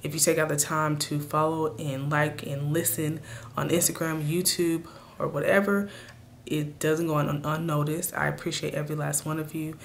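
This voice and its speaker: Raspy-voiced woman vlogger with a cold. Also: low-pitched, level tone, moderate pace, a little hiss or hum. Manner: earnest, speaks to viewers directly. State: hoarse from a cold. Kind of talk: casual motivational vlog talk.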